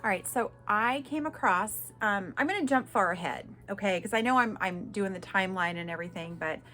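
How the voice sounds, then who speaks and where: A woman in her fifties sharing a personal story in a vlog, halting and heartfelt, crying at times. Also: mid-range voice, sharp tone. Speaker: vlogger.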